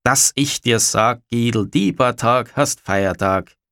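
A man voicing a brooding old farmer father who grumbles in a halting way. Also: mid-range voice, creaky, bright, forceful tone, no echo, clean studio sound, full character voice. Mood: gruff.

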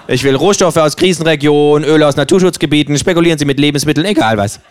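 A man's voice: on the high side, fast talker, voice pushed up, natural voice. A man reading aloud, voicing a cynical, mocking male kangaroo who talks in a sarcastic, provocative way. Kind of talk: reading aloud with character voices.

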